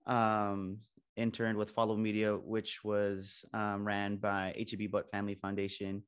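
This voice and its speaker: A man's voice: on the low side, completely flat delivery, unhurried, clear, resonant tone. A young man from San Antonio giving a casual, self-joking talk to students as a guest speaker, and he acts out the people he quotes. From San Antonio, Texas.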